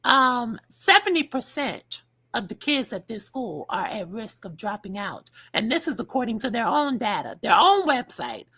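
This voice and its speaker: A middle-aged American woman speaks in a high, slightly husky voice with dental retainers in. Her delivery swings widely as she gives emphatic commentary on a discussion panel. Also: big pitch swings, normal speed, bright, forceful tone.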